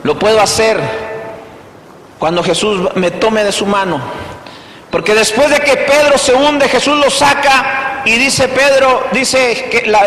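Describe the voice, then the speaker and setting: Male pastor, sermon, very high bright voice, rhetorical questions, loud and hushed turns. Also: slight background noise. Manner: emphatic preaching, repeated rhetorical questions, swings between loud and hushed. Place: church hall. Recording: echoey hall reverb.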